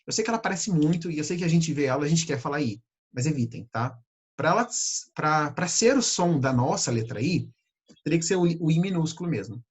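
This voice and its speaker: A Brazilian man teaching English pronunciation, patiently repeating sounds slowly to demonstrate them. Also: on the high side, expressive, husky. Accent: Brazilian Portuguese. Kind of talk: pronunciation lesson.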